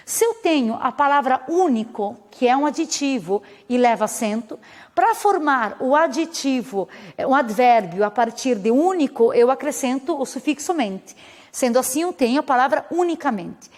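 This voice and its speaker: A woman's voice: high-pitched, a little mellow, big-room sound. A woman teacher who speaks natively, explaining grammar rules patiently in a recorded video lesson and checking in with her students. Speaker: Spanish teacher.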